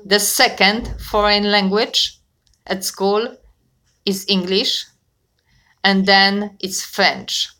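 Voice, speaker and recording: A woman acts as a conversation partner for casual conversation practice, speaking slowly in a mid-range, steady voice. She's encouraging, asking questions and correcting gently.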